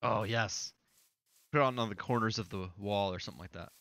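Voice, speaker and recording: Young man, low bright voice, relaxed gaming chatter. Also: brisk. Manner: easygoing, chuckling commentary. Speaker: gamer. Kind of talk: casual gaming chat.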